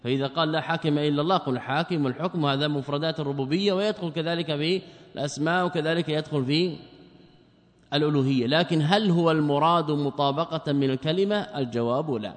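A man's voice: fairly high pitch, quick pace, big-room sound. A male religious teacher giving a lecture on a theology text, explaining by asking his own questions and answering them.

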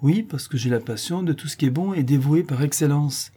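A man voicing a calm, learned young gentleman who speaks in a measured, erudite way, in an audiobook reading. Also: on the high side, husky, voice pushed up. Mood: assured.

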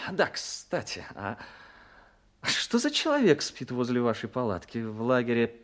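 A man's voice: mid-range voice, huge pitch swings, a little slow. An actor playing a cold, persuasive military envoy who presses his case in a calculating, clipped way. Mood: coolly persuasive. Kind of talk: dramatic screen acting.

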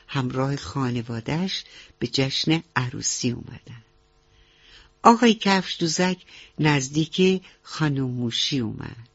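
A woman storyteller narrating a bedtime story for children on the radio, gently speaking to the kids. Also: sits low, dry recording. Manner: gentle, addresses children directly. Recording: dull lo-fi radio recording.

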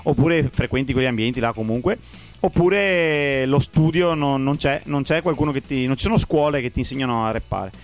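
A man's voice: mid-range voice, a little fast, faint music behind. A man in his forties with a Venetian accent, chatting informally and jokily in a radio interview and slipping into Italian dialect. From Veneto, Italy. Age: 40s. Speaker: rapper, interview guest.

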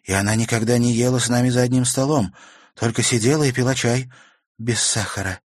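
A man's voice: mid-range voice, brisk, dry recording, clean studio sound, voice pushed up, lightly acted. A man voicing an indignant, frightened teenage girl in a storybook reading. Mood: protesting. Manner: heated, protesting.

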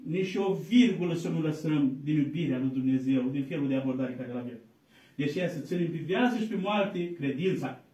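A man, an Orthodox priest, preaching a sermon, moving from quiet asides to loud, emphatic exhortation and intoning scripture slowly, as if chanting. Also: fairly high pitch, lively intonation. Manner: slow, chant-like reading of scripture quotes. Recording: echoey room, distant mic.

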